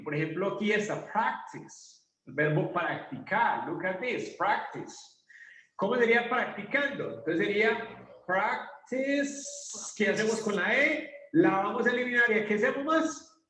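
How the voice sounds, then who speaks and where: A man with a high voice teaches an English grammar lesson, patiently putting questions to the class and answering them himself. He sounds a little far from the mic, in an echoey classroom. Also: very animated, unhurried, pushed and bright. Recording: echoey room, voice from a distance.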